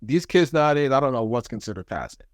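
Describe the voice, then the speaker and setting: A man's voice: mid-range voice, lively intonation, dry recording, studio quality. A man co-hosting a podcast, joking about parenting and celebrity news in a playful, exaggerating way. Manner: playful, exaggerating, quick to laugh along. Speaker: podcast co-host. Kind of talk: casual pop-culture chat.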